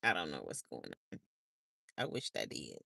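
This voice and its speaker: A woman's voice: extremely low pitch, wildly swooping pitch, moderate pace, creaky, pushed and bright, no echo, clean studio sound. An older woman chatting casually and bluntly on a live stream, swearing freely.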